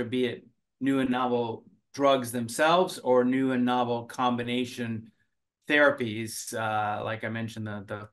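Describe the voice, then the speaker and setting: A middle-aged man, raised in Finland, speaks at a medium pitch over a video call. He answers steadily and thoughtfully, stopping often for filler sounds and restarting his sentences. He sounds like a researcher talking about his work from a home office. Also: fairly bright tone. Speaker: cancer researcher and oncologist.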